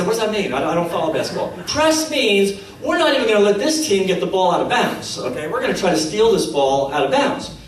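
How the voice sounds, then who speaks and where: A middle-aged man telling stories to an audience, acting out the quotes and laughing at his own jokes. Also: sits high. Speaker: speaker at a faith conference. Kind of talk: storytelling talk to an audience. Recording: very echoey hall, mic at a distance.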